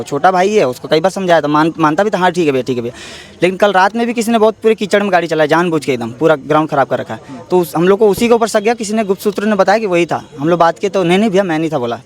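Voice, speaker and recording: Fast-talking man defending himself outdoors. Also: high-pitched. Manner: defensive, emphatic, repeatedly says "sir". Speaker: interviewee, ITBP jawan and cricket coach. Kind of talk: street interview.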